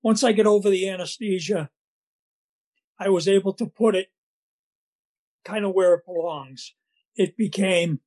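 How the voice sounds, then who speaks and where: An older man from Massachusetts, with a Boston accent, tells his recovery story at a meeting. His scratchy voice sits high and is a little mellow, and he speaks haltingly with many fillers and restarts.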